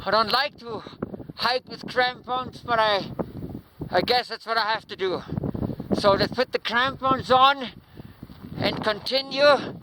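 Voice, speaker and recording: A man narrating a casual hiking vlog outdoors, speaking to viewers in a halting, unhurried way. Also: very high voice. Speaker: vlogger, mountain hiker. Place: outdoors on a high mountain trail. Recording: loud wind buffeting the mic outdoors. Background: wind noise.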